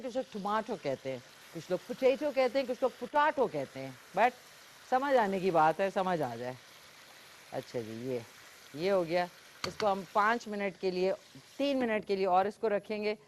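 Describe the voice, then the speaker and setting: A woman's voice: medium pitch, lively intonation, moderate pace. Pakistani woman cooking-show host, chatty demo style, faint background hiss. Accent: Pakistani Urdu. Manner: chatty, talks while cooking, frequent fillers. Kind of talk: live cooking demonstration with callers.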